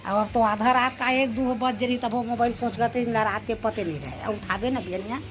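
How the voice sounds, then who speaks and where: A woman's voice: fairly high pitch, fairly quick, music in the background. An older woman with a Chhattisgarhi accent chats in a rambling, reminiscing way, grumbling about modern ways and circling back over her phrases. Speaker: family elder in a home vlog. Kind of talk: rambling reminiscence in casual chat.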